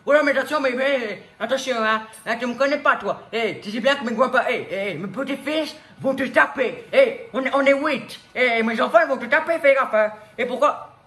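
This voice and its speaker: A brash, quick-tempered working-class woman, played by a man, who is a manicurist. She snaps back with threats and bragging in a very high, bright voice. Her talk is combative and boastful throughout. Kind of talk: comedic sketch monologue.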